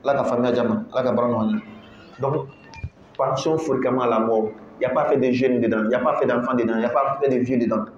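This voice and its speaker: A man teaching a Ramadan class on Quran recitation in a mosque, drilling each word's pronunciation slowly, syllable by syllable. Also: mid-range voice, fairly even intonation, slight background noise. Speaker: religious teacher. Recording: echoey, muffled room recording.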